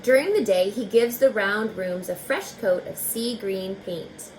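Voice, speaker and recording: A woman teacher reads a children's picture book with expression, slipping in chatty asides to her young listeners. She phrases things slowly and deliberately in a mid-range, darkish voice. The audio is poor, with slight background noise.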